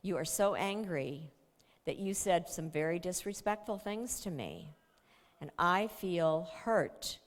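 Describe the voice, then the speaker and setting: A woman voicing a patient mother who speaks in a soft, measured, coaxing way. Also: on the low side. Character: patient mother, calm and gently firm. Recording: long hall reverb.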